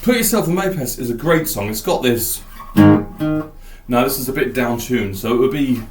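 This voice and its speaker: A man's voice: mid-range voice, expressive, normal speed, reverberant, loud music behind the voice. A man hosting a podcast, rambling enthusiastically about an album and thinking aloud. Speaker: podcast host. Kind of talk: casual album talk.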